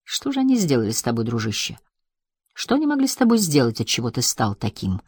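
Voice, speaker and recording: A woman voicing a lonely man quietly musing aloud to his dog in an audiobook. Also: very deep voice, wildly swooping pitch, fast, breathy edge, dry recording, clean studio sound, pitched below the performer's own voice, exaggerated voice. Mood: tender.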